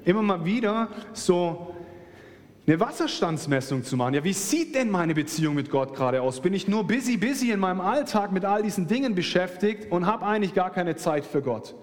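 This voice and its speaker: A man delivers a passionate sermon and speaks straight to his congregation. His voice sits somewhat high for a man. It rings out with the long reverb of a large church hall. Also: sing-song, brisk. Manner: impassioned, addresses the listeners directly. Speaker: preacher.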